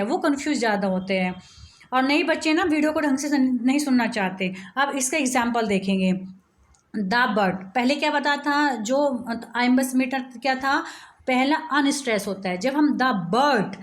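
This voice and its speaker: A woman with a high voice teaches poetic meter to her students. She keeps checking whether they have understood. When she reads the example lines, she slows right down and presses on each stressed beat. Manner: asks frequent check-in questions. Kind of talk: explaining English poetry to students.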